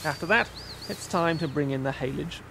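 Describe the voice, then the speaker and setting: A man's voice: fairly high pitch, normal speed, gravelly, heavy background noise. A man narrating a nature-reserve documentary in a light, wry voice-over.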